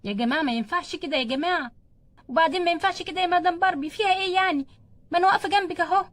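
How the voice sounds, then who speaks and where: A woman's voice: very high voice, racing, fairly bright tone. A woman doing a stern Egyptian doctor. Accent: Egyptian Arabic. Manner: firm and scolding. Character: brisk stern female doctor.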